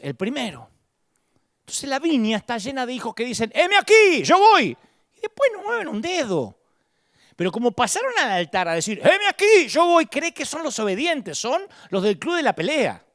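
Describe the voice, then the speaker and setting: A middle-aged man with an Argentine Spanish accent preaches a sermon with passion and flashes of humor. His voice sits high and leaps through a wide, animated range. The sound is close and dry, with no room around it. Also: no echo. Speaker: pastor.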